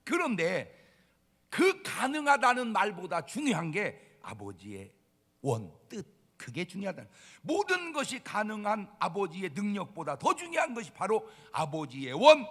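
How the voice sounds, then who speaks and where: A man's voice: high-pitched, huge pitch swings, a little slow, a bit bright, slightly rough, in a large hall. A man preaching a sermon as a pastor, emphatic and dramatic, asking rhetorical questions.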